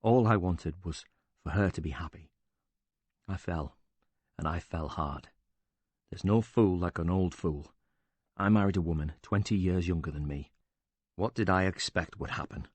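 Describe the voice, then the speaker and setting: A man's voice: low voice, moderate pace, pauses often, no echo. A man reading as a bitter, swearing older widower. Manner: indignant, swearing, sarcastic. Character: bitter older widower, quick-tempered and defensive.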